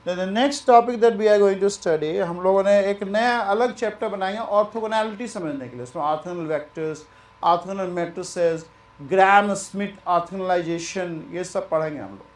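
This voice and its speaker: A man teaching maths in a relaxed, chatty way, mixing Hindi and English and repeating himself. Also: high-pitched, moderate pace, roomy sound. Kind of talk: lecture.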